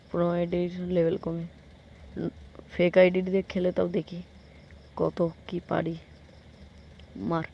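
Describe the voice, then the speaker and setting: A man giving live gameplay commentary, excitable, urging himself on with quick repeated commands and joking about himself to viewers. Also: sits high, gravelly, muffled recording. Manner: self-mocking asides to viewers. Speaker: gameplay streamer.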